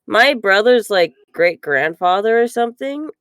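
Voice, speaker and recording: A woman's voice: medium pitch, animated, a little slow, a bit bright, clear, resonant tone, no echo, studio quality. A young woman co-hosting a podcast in casual chat, rambling with lots of fillers and frequent giggles. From Canada. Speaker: podcast co-host.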